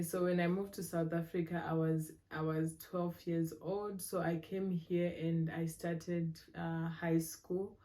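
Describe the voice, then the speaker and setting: A Zimbabwean woman in her twenties gives relaxed, conversational interview answers in a low, warm voice. Her pitch stays fairly even, and she speaks thoughtfully and in a measured way, with lots of fillers.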